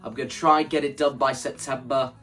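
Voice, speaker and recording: Over soft background music, a man with a mid-range, fairly bright voice talks fairly quickly with fairly even intonation. He's a video creator presenting his own stage play, explaining his creative ideas casually and enthusiastically, emphatic and given to repeating phrases for stress.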